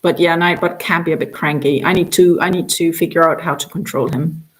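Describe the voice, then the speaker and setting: On a low-quality recording, a crochet livestream host talks in a lowish, steady voice at a fairly quick clip. She's a chatty Danish native speaker, tired after a long day, peppering her casual chat with ums and frequently trailing off and restarting.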